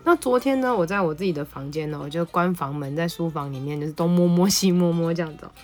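A woman psychologist, telling a family story and reading a picture book aloud in a lively, laughing way. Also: lowish voice, quick pace, faint music behind. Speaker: psychologist podcast host.

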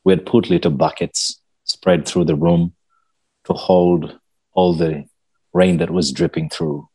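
A man from Uganda recounts his childhood as a guest. His voice sits very low and carries a husky edge. He speaks slowly and earnestly. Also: steady tone, mellow. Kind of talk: personal storytelling in an interview.

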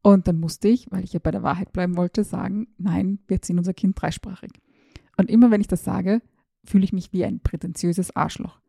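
Fairly quick and fairly low-pitched, her gravelly, flat voice comes through a dry, studio-quality recording. The speaker is a 30-something journalist and podcast host from former Yugoslavia who grew up in Austria and speaks Serbo-Croatian natively. It's a casual personal monologue, like a voice message, delivered in a chatty, self-ironic way full of hesitant fillers.

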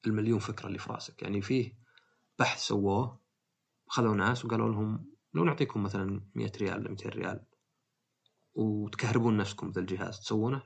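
A man's voice: lowish voice, gravelly, slightly rough. A man, talking casually as a podcast host and rambling through his thoughts with many fillers. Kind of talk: casual monologue.

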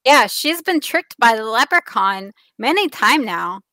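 A woman puts on a dreamy, lovestruck oddball who adores crystals and mangles her grammar, dropping plurals and tossing in stray articles. The voice is bright and sharp, set in a dry, close sound. She talks with complete earnestness. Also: a little high, lively intonation, unhurried, dry recording. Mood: earnest. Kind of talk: improvised comedy character.

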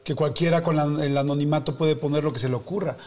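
Male interviewer, slightly high voice, empathetic and conversational. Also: steady tone, quick pace, darkish tone. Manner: empathetic, reflective questioning.

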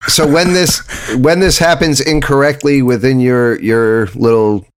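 A man's voice: medium pitch, steady tone, measured pace, clean tone. A man co-hosting a casual podcast chat, teasing and laughing with the others. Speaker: podcast co-host.

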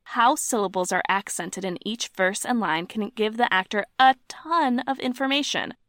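A woman's voice: mid-range voice, moderate pace, a bit bright, no room sound. Playful woman podcaster, dry close mic. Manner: playful, sounds out rhythms aloud. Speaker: podcast co-host. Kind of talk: scripted explainer narration.

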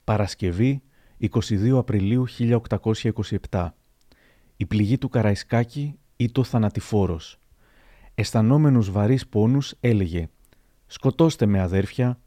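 Mellow-voiced male storyteller. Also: lowish voice, no room sound. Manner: measured, storytelling. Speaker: narrator. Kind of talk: reading historical anecdotes aloud.

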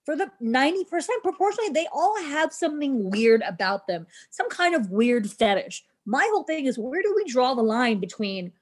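A woman's voice: high voice, very animated, fairly quick, few pauses. Chatty, rambling woman guest. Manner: chatty, rambling, laughs easily. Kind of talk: casual podcast chat.

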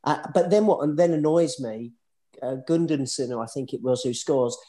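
Man, football podcast co-host, blunt, exasperated, repeats words, middle pitch. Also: normal speed, dark tone. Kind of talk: casual football podcast chat.

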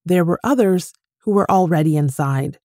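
A woman host giving scripted narration for a news podcast, measured and clear. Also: on the low side, dark tone, no echo, studio quality.

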